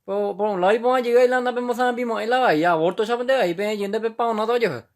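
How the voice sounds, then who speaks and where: A man's voice: high-pitched, very fast, dry recording. A man doing a comic monologue, rambling in mumbled, clipped slang. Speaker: comedian.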